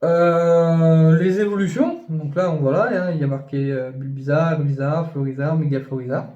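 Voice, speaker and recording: Guy rambling about his latest buys, lots of euhs, mellow fairly high voice, echoey room. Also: moderate pace, muffled recording. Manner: rambling, many fillers and restarts, gushing with excitement. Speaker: YouTuber showing his purchases. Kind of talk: casual unboxing chat.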